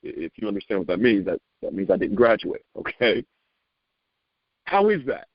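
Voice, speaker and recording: Animated preacherly man on a dull, dry call. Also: fairly low pitch, normal speed, no echo. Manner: animated, preacherly, repeats phrases and stammers when excited. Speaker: motivational speaker on a sales team call. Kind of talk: motivational talk.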